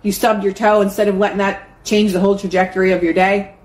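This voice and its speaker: Animated woman in an echoey room. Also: medium pitch, fast. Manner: animated, swearing, quoting her own excited inner voice. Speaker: host. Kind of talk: casual motivational talk. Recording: echoey room with faint noise.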